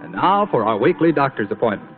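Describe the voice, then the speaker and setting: A man's voice: medium pitch, big pitch swings, fast, loud music behind the voice. An American man announcing for 1940s radio in a chummy, folksy, salesman's manner. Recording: muffled, narrow 1940s radio recording.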